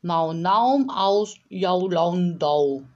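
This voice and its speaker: A woman voicing a calm, whimsical nanny in a storybook reading, gentle and patient. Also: mid-range voice, unhurried, highs cut off, lightly acted. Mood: explaining.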